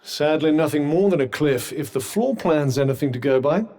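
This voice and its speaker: Cuff, a wry British magical cuff. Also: male voice, fairly high pitch, animated, normal speed, mellow. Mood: measured advising. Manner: wry, formal, articulate. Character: sentient magic cuff, urbane, dry-witted, sardonic male companion. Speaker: video game companion character. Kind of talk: scripted game dialogue.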